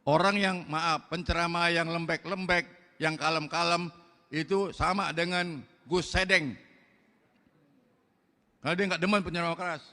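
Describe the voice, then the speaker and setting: A man with a Betawi Jakarta accent preaching a fiery sermon, loud, blunt and forceful, with slangy talk. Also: fairly high pitch, steady tone, normal speed, pauses often, long reverb tail.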